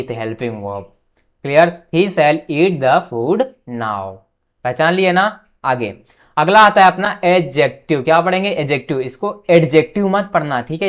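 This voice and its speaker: A male teacher giving an exam-prep grammar lesson. He asks the class a quick question and answers it himself, dropping softly on each answer word. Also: a little high, clean tone. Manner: quizzes students with quick questions, then answers them himself.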